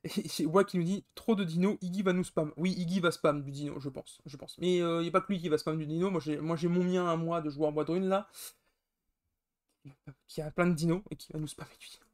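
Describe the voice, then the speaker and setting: Male podcast host, slightly raised pitch, casual and chatty, rambling delivery full of self-corrections. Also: fairly even intonation, a little fast. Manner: enthusiastic but grumbling. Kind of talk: casual live-stream commentary.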